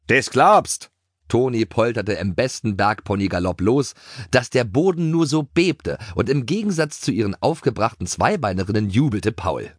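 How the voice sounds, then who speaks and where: A man narrating a children's audiobook in a playful, expressive way. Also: lowish voice, normal speed, dry recording, clean studio sound.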